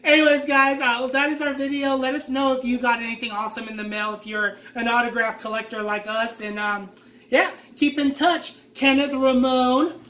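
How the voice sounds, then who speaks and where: A man's voice: very high voice, steady tone, a little fast, bright, forceful tone, poor audio. A man hosting a casual vlog, talking in an upbeat, chatty way. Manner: upbeat and chatty, often laughing. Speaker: vlog host. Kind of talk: casual chat about autograph mail.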